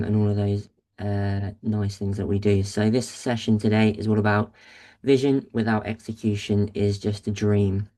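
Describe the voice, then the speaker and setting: A man's voice: fairly low pitch, warm tone. A man hosting and presenting a business webinar in a casual, upbeat way, with frequent fillers, speaking over a video call microphone. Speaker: webinar host, agency founder.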